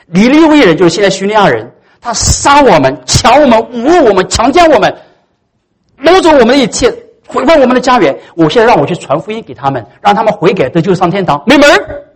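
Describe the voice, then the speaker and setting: A man voicing an indignant male prophet who shouts his refusal of a divine command. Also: high-pitched, very animated, quick pace, husky, voice pushed up, full character voice. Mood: outraged. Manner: outraged, shouting protest.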